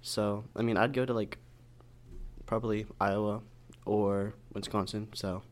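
A man's voice: on the low side, little pitch movement, a little slow. A teenage boy answering hesitantly with lots of fillers, mumbling in a casual chat. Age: teens. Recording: distant from the mic.

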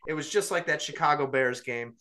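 A man's voice: on the high side, brisk, bright, forceful tone. A young adult man, co-host of a podcast, animatedly telling a funny story in casual chat and laughing along the way.

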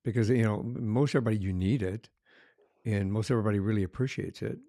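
A man with a low, mellow voice hosts a casual interview. he rambles a bit, restarting his sentences and chuckling as he goes. the sound is dry and close, with no room echo. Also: quick pace. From Colorado. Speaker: podcast host, former police officer. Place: Arizona.

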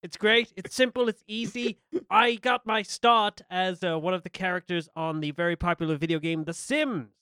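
A man's voice: high voice, normal speed, hardly any pauses, pushed and bright, smooth, no room sound, studio quality. A man playing a pompous former city mayor with a smug, breezy manner in an improvised comedy podcast. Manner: smug, breezy, unbothered by disaster. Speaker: podcast guest. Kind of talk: improvised comedy role-play.

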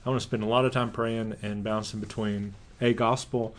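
A man's voice: on the low side, flat delivery, a little fast. A man chatting casually as a pastor and co-host, given to joking, teasing asides. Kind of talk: casual conversation.

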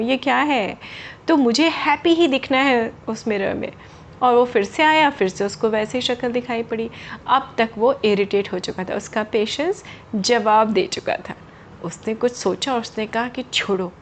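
Higher-voiced woman telling kids a story. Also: slight background noise. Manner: warm, explains words to young listeners. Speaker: children's storyteller. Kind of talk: storytelling for children.

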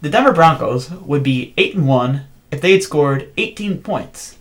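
A man co-hosting a casual sports podcast, giving his picks and stats in a measured, analytical way. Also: fairly high pitch, animated, fairly bright tone. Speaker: podcast co-host.

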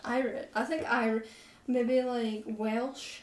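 A woman's voice: fairly high pitch, level tone, slow pace, far from the mic. A woman in a casual chat, laughing often and poking fun at herself. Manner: laughing, chatty, self-mocking. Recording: echoey room, off-mic, chatter behind.

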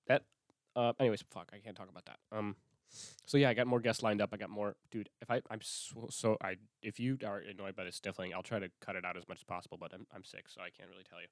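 A young man talks alone on his own podcast in a rambling, swear-heavy way, restarting often and sniffling from a cold. His voice is fairly low and steady, and he speaks fast. The sound is clean studio quality with no echo.

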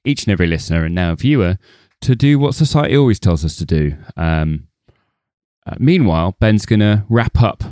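A man co-hosting a podcast in casual chat, opinionated and quick-witted. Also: sits low, animated, warm tone, no room sound, studio quality. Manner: enthusiastic, opinionated, quick wit. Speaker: podcast co-host.

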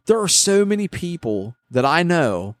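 A man hosts a relaxed talk show, opinionated and animated. His voice sits a bit high and swings up and down a lot. The sound is close and dry, with no room echo. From West Virginia. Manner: animated, opinionated, quick to scoff. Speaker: podcast host. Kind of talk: casual chat.

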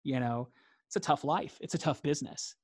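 A man's voice: a little high, fairly quick, dry recording, studio quality. A man, a guest in a reflective interview, talking earnestly and repeating phrases for emphasis.

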